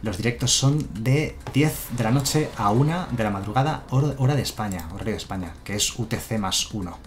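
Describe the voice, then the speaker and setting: A man's voice: lowish voice, lively intonation, fairly quick. A man with a Spanish accent from Spain, casually commenting a game on a live stream and answering his chat. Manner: chatty, answers chat, muses aloud. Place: home room with a chair.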